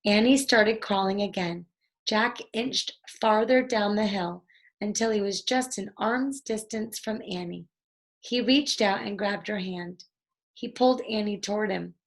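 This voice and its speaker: A woman with a mid-range voice reads a children's story aloud, taking a deliberate and expressive storytelling approach as a storybook reader.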